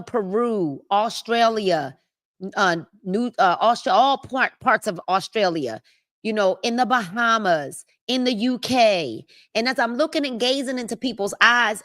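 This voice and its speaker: Woman, 50s, motivational book-club host, high-pitched, preachy cadence. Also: fairly bright tone, dry recording, clean studio sound. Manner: preachy, drawn-out reading with asides to viewers. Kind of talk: live-stream book reading and motivational talk.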